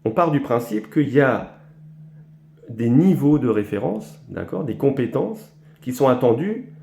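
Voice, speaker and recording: A man from France gives an explanatory lecture in a mellow, gravelly voice that rises and falls a lot. He halts often, repeating small words and filling gaps with hesitations. The room around him is echoey. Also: mid-range voice, animated, a little hiss or hum. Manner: halting, many fillers and repeated words. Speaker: language teacher.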